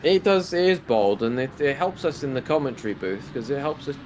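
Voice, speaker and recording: Male co-commentator, mid-pitched, friendly banter, noisy recording. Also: expressive, fairly quick. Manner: chatty, laughing banter with co-host. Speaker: sim racing commentator. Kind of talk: casual esports race commentary.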